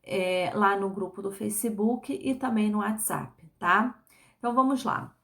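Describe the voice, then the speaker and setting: A woman with a Brazilian Portuguese accent teaching a recorded online class, speaking slowly and patiently, repeating words syllable by syllable and checking in with short tag questions. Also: medium pitch, fairly bright tone.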